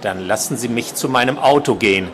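A man's voice: mid-range voice, fairly quick, fairly bright tone, a little hiss or hum, natural voice. A man voicing a frightened but composed female nurse who speaks firmly, while reading from his novel. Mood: tense firm. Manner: firm, controlled.

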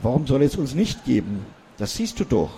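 A man's voice: medium pitch, very animated, normal speed, creaky, warm tone, a little hiss or hum, voice pushed up. A man voicing a small, cheeky old male dwarf who lectures humans about themselves. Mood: lecturing.

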